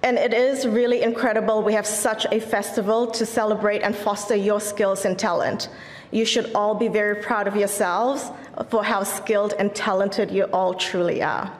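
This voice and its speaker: Earnest woman presenting an award, encouraging tone, boomy hall echo. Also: steady tone, moderate pace. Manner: earnest, encouraging, opens with a formal greeting in Māori. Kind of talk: prepared award speech. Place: large event hall. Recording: echoey hall with long reverb.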